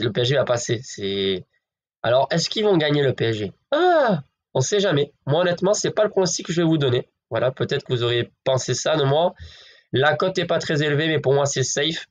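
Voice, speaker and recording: A man giving football betting predictions in a casual, chatty way, talking straight to his viewers with lots of fillers. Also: medium pitch. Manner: chatty, addresses viewers as friends, hedges with fillers.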